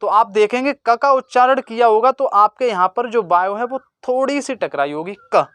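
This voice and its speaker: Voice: clean tone, no echo. Teacher drilling answers, call-and-response. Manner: call-and-response, asks a question then answers it lower and softer. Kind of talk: exam-prep grammar lesson.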